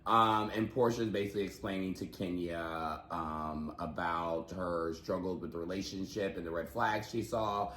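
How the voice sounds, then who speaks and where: Low-voiced, agreeable male co-host. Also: normal speed, hardly any pauses, reverberant. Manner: even, agreeable, recapping. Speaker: podcast co-host. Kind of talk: casual gossip chat.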